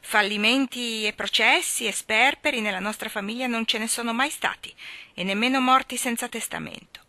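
A woman reading aloud, voicing a stern, proud older aunt who scolds in a sharp, reproachful way. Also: a little high, moderate pace, no room sound, voice pushed up.

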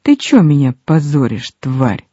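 A man voicing a drunk, coarse middle-aged worker who is a rough, threatening father, in a storybook reading. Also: a little high, very animated, measured pace, dark tone, dry recording, dull audio, heavily acted. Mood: menacing.

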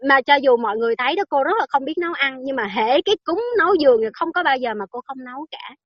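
A woman's voice: high voice, animated, quick pace, no room sound. A woman delivers a Buddhist dharma talk in a chatty, teasing way. She keeps asking her listeners questions as she teaches. The recording is dry and a little dull.

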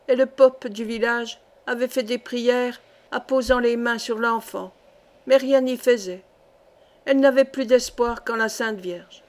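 A woman reading a short story aloud in a measured, clear storytelling voice. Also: on the high side. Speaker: audiobook reader. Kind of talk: audiobook narration.

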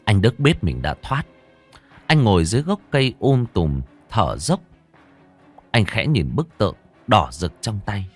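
Deep voiced guy reading a ghost story, dramatic and suspenseful, dry sound, faint music. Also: big pitch swings, a little slow, long pauses, slightly rough. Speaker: narrator. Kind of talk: scripted horror story narration.

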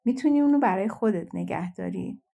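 A woman voicing a boastful, scornful yellow dwarf man in a fairy-tale audiobook. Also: medium pitch, expressive, gravelly, muffled recording. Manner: mocking, self-satisfied.

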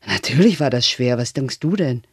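A man's voice: mid-range voice, expressive, moderate pace, breathy edge, no echo, studio quality, voice pushed down. A man voicing a terse, matter-of-fact father answering his son, in an audiobook reading. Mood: curt. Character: gruff, terse father of few words.

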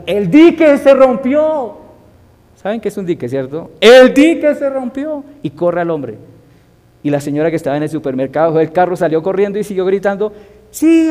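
A man's voice: on the high side, dark tone, big-room sound. A man teaching a Bible study as a sermon, asking his listeners rhetorical questions. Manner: asks the audience rhetorical questions.

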